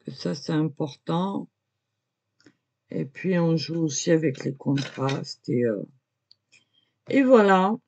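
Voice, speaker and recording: Low-pitched and animated, she takes it slowly and pauses often, her voice a little mellow with a breathy edge. The amateur artist casually talks viewers through her drawing, hesitating constantly with "voilà" and "euh," and she tends to cough and choke as she speaks.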